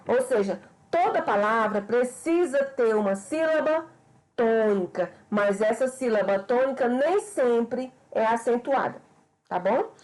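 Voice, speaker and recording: Slow-paced woman teacher explaining grammar. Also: fairly high pitch, darkish tone, rough recording. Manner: slow, explanatory, addresses students as "pessoal". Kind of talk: remote school lesson.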